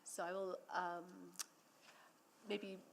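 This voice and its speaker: A woman city councillor with a scratchy, hoarse voice, moving formal motions at a council meeting in a council chamber. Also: lowish voice, level tone. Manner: reads formal motion wording at a brisk clip.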